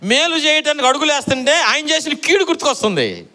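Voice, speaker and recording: A man's voice: extremely high pitch, sing-song, quick pace, sharp tone. A middle-aged man preaching a sermon, repeating his phrases and quizzing the congregation for answers. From Andhra Pradesh, India.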